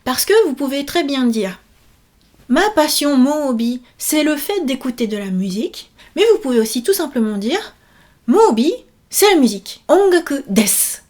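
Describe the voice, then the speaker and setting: High-voiced woman teaching, patient and clear. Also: lively intonation, a little mellow. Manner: clear, patient, repeats phrases slowly, light laughs. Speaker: Japanese language teacher. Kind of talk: explaining grammar lesson.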